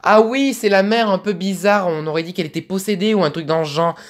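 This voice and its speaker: A man's voice: high-pitched, brisk. A young man hosting a let's play, musing aloud and chatting as he reads a story game.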